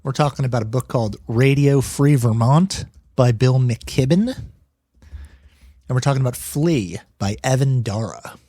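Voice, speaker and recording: A man's voice: mid-range voice, normal speed, warm tone, no echo, studio quality. A man co-hosting a podcast, chatting casually in a rambling, hesitant way. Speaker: podcast co-host. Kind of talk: casual chat.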